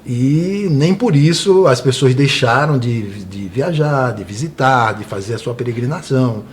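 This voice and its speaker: A man's voice: mid-range voice, animated, a little slow. A man from Brazil, a tour guide, speaking earnestly as an interview guest and often adding tag questions.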